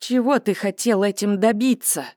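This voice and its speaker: A woman's voice: mid-range voice, normal speed, warm tone, dry recording, studio quality, voice pushed up, close to an everyday voice. A woman reading an audiobook voices a proud captive queen mother of a cat-folk clan, pleading and furious in a raised voice. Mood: distraught.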